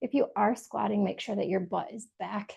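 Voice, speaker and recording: A woman's voice: mid-range voice, moderate pace, gravelly, a little mellow, breathy edge. A woman leading a workout over a video call, giving encouraging step-by-step cues while she exercises. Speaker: fitness instructor. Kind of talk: live workout instruction.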